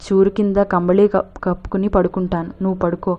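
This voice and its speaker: A man's voice: high-pitched, flat delivery, fairly quick, close to an everyday voice. A woman voicing an old village man, humble and devoted, in a dull lo-fi recording. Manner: humble, pleading. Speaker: father of the girl.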